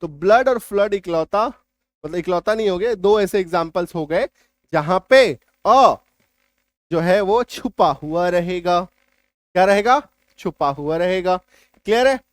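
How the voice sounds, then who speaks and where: A man teaches a spelling lesson. He repeats key points and asks his students whether each one is clear. His voice is recorded close and dry, with no room sound. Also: high-pitched, lively intonation, measured pace, no room sound. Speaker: English teacher.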